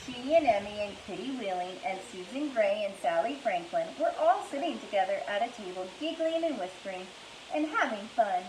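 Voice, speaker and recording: A woman reading a children's book aloud in an expressive storytelling manner. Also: mid-range voice, brisk, roomy sound, slight background noise, low-quality recording. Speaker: reader.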